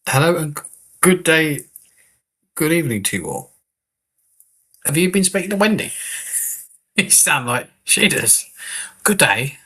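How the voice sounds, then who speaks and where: A man's voice: a little high, sing-song, unhurried, long pauses, fairly bright tone, slightly rough. A man hosting a live psychic mediumship stream, chatting casually, greeting viewers by name and reading their comments aloud.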